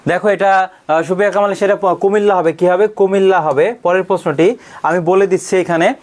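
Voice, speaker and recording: A young man teaching an exam-prep grammar class, drilling students by asking questions and answering them himself, and clearing his throat often. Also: sits high, fairly even intonation, fairly quick, a little mellow. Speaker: Bangla grammar coaching mentor.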